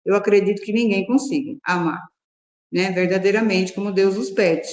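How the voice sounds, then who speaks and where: A woman's voice: medium pitch, moderate pace, darkish tone. A woman, a catechist, tells a personal story in a group Bible study, talking conversationally and often adding "né?" as she goes. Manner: conversational, frequent tag "né?", retells dialogue. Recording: echoey room.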